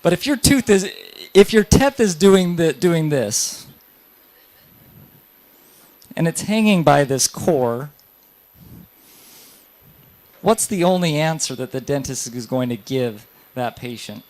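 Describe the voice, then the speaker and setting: A man's voice: fairly high pitch, a little slow. A man in his thirties, a dentist giving a live lecture to other dentists in a hall, telling stories and asking the audience questions. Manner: lively storytelling, addresses audience directly.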